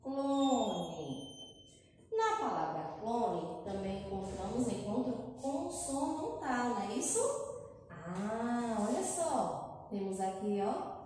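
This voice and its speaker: A Brazilian woman teaching young children, who speaks in a slow, sing-song way and stretches and repeats her words. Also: on the high side, sing-song, darkish tone. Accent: Brazilian Portuguese. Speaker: primary school teacher. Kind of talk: recorded lesson for young children. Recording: echoey room, far from mic, faint noise.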